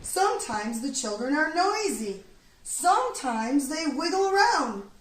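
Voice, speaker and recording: A woman's voice: sits high, big pitch swings, unhurried. Woman reading as kindly Santa, echoey and distant. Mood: worried. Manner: kindly, earnest, exclaiming. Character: kindly old Santa Claus, gentle and jolly man. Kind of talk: children's storybook read-aloud. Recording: roomy, distant, faint background noise.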